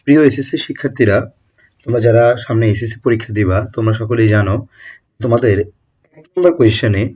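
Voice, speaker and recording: Fast-talking young male tutor. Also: mid-range voice, a little mellow, slightly rough. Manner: quizzes himself with rhetorical questions. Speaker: teacher. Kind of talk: exam-prep lesson.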